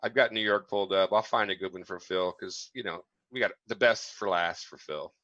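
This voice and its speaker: A man's voice: low-pitched, brisk, pushed and bright, no room sound. A man hosting a casual chat, heard over dull lo-fi audio.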